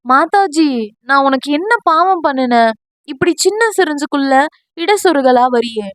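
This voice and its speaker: A woman's voice: sits high, lively intonation, a little slow, no echo, studio quality, voice pushed up. A woman voicing a playful young man in an audio novel, teasing and mock-dramatic.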